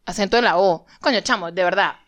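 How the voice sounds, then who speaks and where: A woman's voice: medium pitch, quick pace, fairly bright tone. A young Venezuelan woman co-hosting a podcast in slangy casual chat, laughing often. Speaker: podcast co-host.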